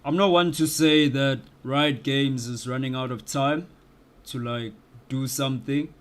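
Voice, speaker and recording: A man's voice: mid-range voice, steady tone, unhurried, a bit bright. A young man commenting casually on his game playthrough in laid-back slang. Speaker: gaming streamer. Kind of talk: casual let's-play commentary.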